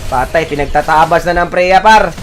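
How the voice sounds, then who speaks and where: A man giving excited commentary while playing a mobile battle game, shouting calls to his team and laughing. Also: fairly high pitch, moderate pace, soft background music.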